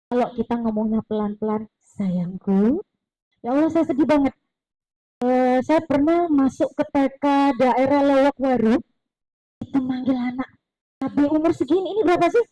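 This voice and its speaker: A woman giving a religious parenting talk in a lively, chatty way, slipping in words and acting out other people's lines. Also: very high-pitched, no room sound, low-quality recording. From East Java. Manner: lively, chatty, mixes Javanese words, acts out voices of others. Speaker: parenting seminar speaker. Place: mosque hall.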